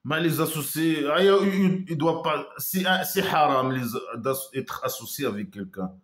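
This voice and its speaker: A man's voice: on the high side, measured pace, a bit bright, roomy sound. A man giving a casual critical monologue, scornful and mocking, hesitating with many trailing asides. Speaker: online commentator.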